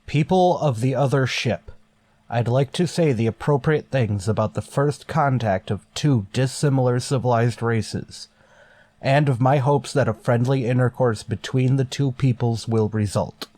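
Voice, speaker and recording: In a golden age sci-fi radio drama, a male actor plays a grim, authoritative starship captain, speaking sternly and deliberately. His mid-range voice has a dark tone and sounds natural. The mood is formal.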